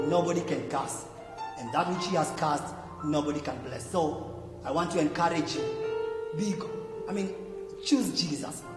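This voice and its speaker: Kenyan male pastor, high voice, forceful repetitive sermon, echoey hall with faint music behind. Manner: emphatic preaching with repetition, rising to shouts and dropping low.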